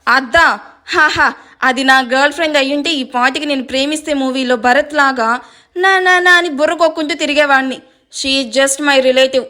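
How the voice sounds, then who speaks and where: A woman's voice: high-pitched, normal speed, pushed and bright. A woman voicing a teasing young man who bickers and mocks, in a read-aloud Telugu story. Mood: bickering. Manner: mocking and exasperated.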